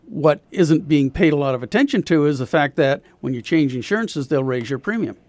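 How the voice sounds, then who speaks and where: A man speaking as an insurance consultant guest on a radio talk show, explaining things in a measured way with pauses and fillers. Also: fairly high pitch, expressive, a little mellow, no echo. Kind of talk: radio interview answers.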